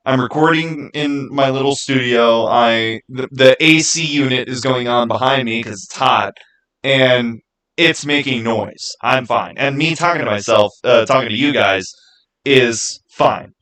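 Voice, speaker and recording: Unhurried and a bit bright, his mid-pitched voice carries a casual livestream from a small home studio, though the recording is rough. The YouTube creator and host rambles to his viewers, often doubling back to repeat words for emphasis.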